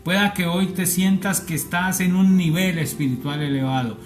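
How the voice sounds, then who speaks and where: A man's voice: high voice, fairly even intonation, normal speed. A man with a Colombian Spanish accent, a pastor preaching a sermon in a repetitive style that builds to emphatic calls. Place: church livestream. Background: faint instrumental music.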